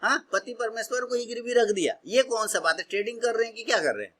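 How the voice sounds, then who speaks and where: A man's voice: very high-pitched, fast, a bit bright. A man from India teaching stock trading in a casual way, asking himself questions and answering them, often repeating his words.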